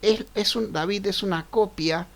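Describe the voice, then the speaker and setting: Here a man teaches programming online, thinking aloud as he works through code over a screen share. He takes his time and keeps checking on his students with frequent "right?" tags. The voice is high and a bit bright, with some vocal fry.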